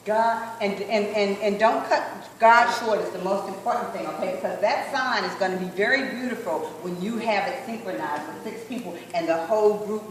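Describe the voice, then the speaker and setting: A woman instructor coaching a group rehearsal, encouraging them and slowly repeating phrases as she demonstrates. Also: mid-range voice, roomy sound, far from the mic, a little hiss or hum. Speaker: sign language dance instructor.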